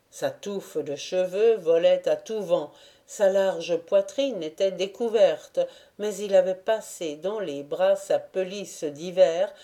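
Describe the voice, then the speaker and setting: A woman narrating a classic novel as an audiobook in a measured, deliberate reading. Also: on the low side, dark tone.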